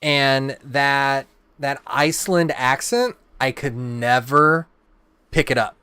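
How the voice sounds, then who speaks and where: A man's voice: mid-range voice, slow pace, bright, forceful tone, clean tone, dry recording. A man hosting a live card-opening stream, chatting and teasing his co-host in casual banter.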